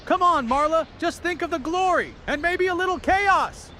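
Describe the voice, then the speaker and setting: A man's voice: very high voice, moderate pace, sharp tone, a little hiss or hum. A man voicing a cheerful, reckless young alchemist in a fantasy comedy, eager and full of optimism. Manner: eager, enthusiastic. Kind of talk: scripted fantasy comedy dialogue.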